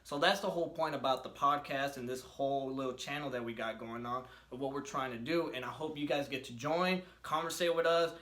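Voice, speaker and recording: A man's voice: medium pitch, brisk, hardly any pauses, bright, forceful tone. A man with a missing tooth co-hosting a podcast in casual, slangy, sweary chat. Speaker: podcast co-host. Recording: roomy indoor echo.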